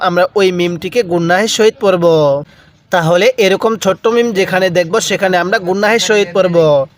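High-voiced man teaching Quran recitation. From Bangladesh. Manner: slow drawn-out chanting of verses between brisk explanations; asks the viewer questions and has them repeat after him. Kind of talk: recitation lesson.

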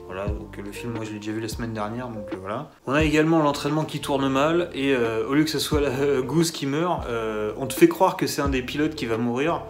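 A man's voice: mid-range voice, brisk, hardly any pauses. Sarcastic male film reviewer, mid-range voice, loose mocking delivery, guitar track underneath. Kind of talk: casual solo film review.

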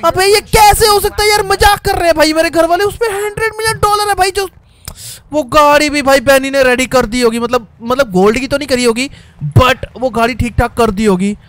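A young man with a very high voice gives excitable gameplay commentary and keeps breaking into mock-angry shouts. Faint game sounds and traffic hum behind him. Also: fairly quick. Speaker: gaming channel host. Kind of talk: Hindi let's-play commentary.

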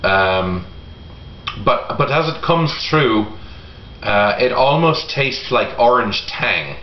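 A middle-aged man talks to camera in a casual, halting review style, pausing often as he goes. His voice sits at an ordinary male pitch. The recording is roomy and echoey, with a slightly dull lo-fi sound. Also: animated. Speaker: product reviewer. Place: home kitchen, indoors. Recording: roomy echo, dull sound, faint noise.

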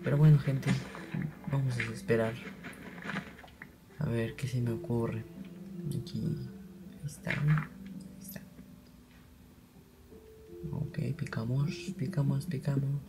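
A man's voice: mid-range voice, fairly even intonation, unhurried, long pauses, loud music behind the voice. A young man, rambling in casual gameplay commentary and voicing digging sounds aloud. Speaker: gaming channel host.

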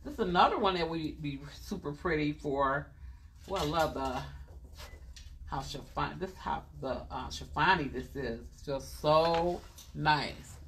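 A woman's voice: low-pitched, lively intonation, measured pace, a bit bright, slight background noise. A woman hosting a casual live clothing sale from a boutique, chatty and repeating item numbers and prices. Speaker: host selling clothes on a live stream.

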